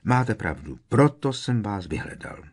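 A man's voice: lowish voice, very animated. A man voicing an agitated teenage boy wizard who presses with urgent, pleading questions in an audiobook. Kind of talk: audiobook character reading.

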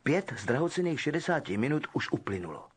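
A man narrating an audiobook with expressive storytelling. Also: fairly high pitch, husky. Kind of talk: scripted narration.

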